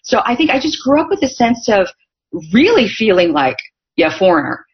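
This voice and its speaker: A woman's voice: fairly high pitch, very animated, normal speed. A middle-aged woman from Northern California, a podcast guest chatting casually and telling stories with lots of fillers. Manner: chatty storytelling with frequent fillers. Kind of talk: casual interview conversation. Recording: dull lo-fi audio.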